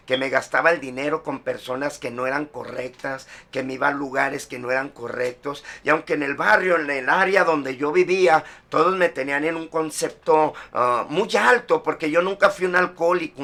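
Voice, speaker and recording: A man's voice: a little high, sharp tone. A middle-aged male pastor giving a personal testimony in a sermon, sprinkling his talk with "amen". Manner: testimony-style preaching, frequent "amén".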